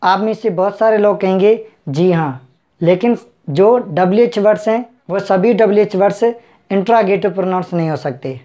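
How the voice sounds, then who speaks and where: A man's voice: high-pitched, moderate pace, mellow. Brief: male online tutor, talks straight to viewers, repeats and rephrases each point. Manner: repetitive, keeps addressing viewers directly. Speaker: English teacher. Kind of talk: bilingual grammar tutorial.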